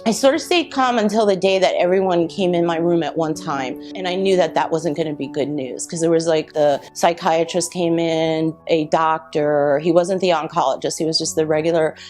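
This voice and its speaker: A middle-aged woman telling her own cancer survival story, reflective and halting with many pauses. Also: deep voice, steady tone. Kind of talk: personal testimony. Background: soft guitar music.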